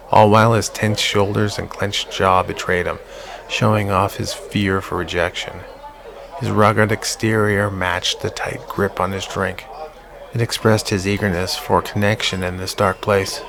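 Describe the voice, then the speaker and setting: A man narrating a psychological horror audiobook in a measured, slow-burn way. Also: fairly low pitch, vocal fry.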